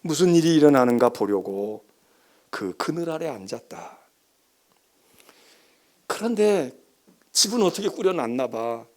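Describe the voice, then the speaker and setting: A man who is a senior pastor preaching a sermon in a church, animated, conversational and emphatic. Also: fairly high pitch, unhurried, long pauses.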